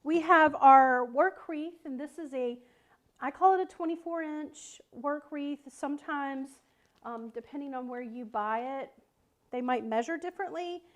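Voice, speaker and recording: A high-pitched woman with a Southern American accent leads a live craft tutorial from her home workspace. She talks in a chatty, friendly way, greeting viewers by name between steps, and her voice is picked up by the camera mic. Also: measured pace. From South Carolina, United States. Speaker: wreath-making teacher and shop owner.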